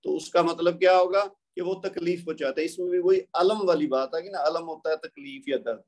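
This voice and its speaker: A Quran recitation teacher with a Pakistani Urdu accent gives a recorded tajweed lecture, patiently explaining word pairs and slowing down to contrast them. His voice sits on the high side with a steady tone.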